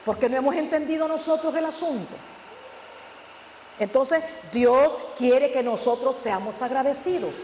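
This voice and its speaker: A man preaches a fervent sermon in a high, bright-edged voice. He fires rhetorical questions and hits words with sudden loud stress. His voice rings through a church hall with long, echoing reverb. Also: moderate pace, slight background noise. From Nicaragua. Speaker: pastor.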